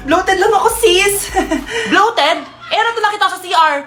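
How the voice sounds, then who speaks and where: A woman acting out a comedic family skit in a loud, excitable way, breaking into quick shouting outbursts. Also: very high-pitched, echoey room. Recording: music playing behind the voice.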